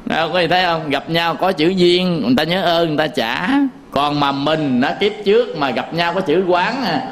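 This Buddhist monk teacher's voice sits high with a fairly bright tone. Preaching in a Southern Vietnamese accent, he leans on folksy storytelling, chuckles frequently, and talks right to his listeners.

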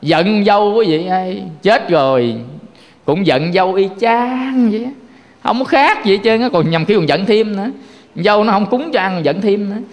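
High-voiced monk preaching in a hall. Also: male voice, moderate pace. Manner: conversational, keeps addressing listeners directly. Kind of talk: folksy sermon. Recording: long hall reverb.

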